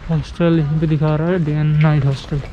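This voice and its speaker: A man's voice: fairly high pitch, level tone, a little fast, dull audio. A young man in his twenties chatting casually as a travel vlogger, rambling while walking outdoors with a camera at arm's length. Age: 20s. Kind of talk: casual vlog narration. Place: outdoors on rainy city streets. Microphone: handheld action camera at arm's length. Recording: loud street noise.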